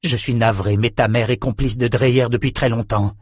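A man's voice: medium pitch, steady tone, moderate pace, a little mellow, slightly rough, dry recording, clean studio sound, close to an everyday voice. A man voicing a grave man in an audiobook, firm yet apologetic. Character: grave man delivering hard truths. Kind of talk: audiobook character voice.

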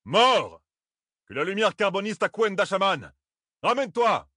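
A man voicing soldiers shouting battle cries in an audiobook. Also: high voice, big pitch swings, measured pace, no room sound, clean studio sound, voice pushed up, heavily acted. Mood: battle cry. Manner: shouting, commanding.

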